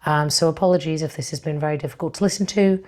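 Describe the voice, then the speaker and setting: A woman chatting casually about books in a vlog, rambling with ums, her voice breathy and fading as she loses it. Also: sits low, quick pace, a little mellow. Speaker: book vlogger. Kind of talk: casual book review vlog.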